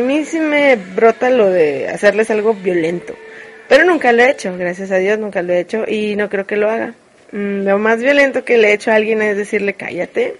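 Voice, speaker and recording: A woman with a Mexican accent chatting casually and frankly to live viewers, joking as she rambles through her confessions. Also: mid-range voice. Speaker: streamer.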